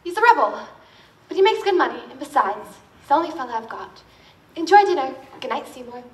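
A woman's voice: high-pitched, expressive, brisk. A woman on stage playing a sweet, naive young female flower shop assistant, recorded from the audience in a theatre. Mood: wistful, defensive. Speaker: stage actor. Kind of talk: stage musical theatre dialogue. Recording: distant echoey theatre, faint noise.

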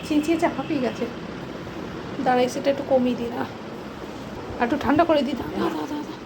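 A woman's voice: sits high, fast, creaky, noisy background. A woman at home, fussing fondly over her pet dog and scolding her child. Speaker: pet owner and mother. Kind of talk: casual home video chat. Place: indoors at home.

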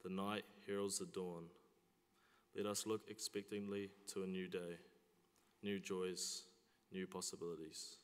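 A man's voice: sits low, little pitch movement, unhurried, smooth. A young male student leading liturgical prayers at a chapel lectern, reciting steadily and evenly. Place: large school chapel, at a lectern. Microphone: lectern mic. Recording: long hall reverb.

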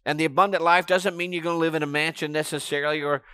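A man's voice: on the high side, fairly even intonation, fast, a bit bright, clean tone, no room sound, clean studio sound. A man in his fifties, a pastor giving a sermon from a church stage on a headset mic, talking in a chatty, conversational way. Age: 50s. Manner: conversational preaching with frequent "right?" and "amen", gesturing while seated. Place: church stage, seated on a stool.

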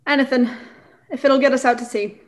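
Huffy squire, played by a woman: fairly high, haughty, impatient radio-play delivery. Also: fairly even intonation, a little fast, lightly acted.

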